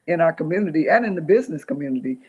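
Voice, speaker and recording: A woman hosting an interview, speaking haltingly with many fillers and restarts. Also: sits low, animated, a little mellow, husky. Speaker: interview host. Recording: dull lo-fi sound.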